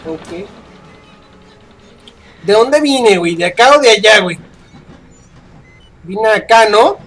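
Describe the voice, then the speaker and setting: A man's voice: high voice, lively intonation, takes it slowly, a bit bright. A young man with a Mexican accent giving horror gameplay commentary, shrieking in panic and swearing constantly. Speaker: gaming youtuber.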